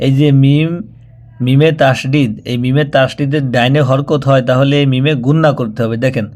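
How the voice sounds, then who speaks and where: A man's voice: medium pitch, darkish tone. Patient man teaching recitation. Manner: patient, repetitive, slows down and draws out syllables when demonstrating. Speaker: Quran reading teacher. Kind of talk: spoken tutorial, spelling out and chanting syllables.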